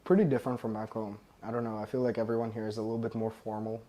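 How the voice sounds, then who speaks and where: A young man from India, an international student, answering documentary interview questions in a relaxed, casual way with fillers. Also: on the low side, very fast, a crowd in the background. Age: young adult.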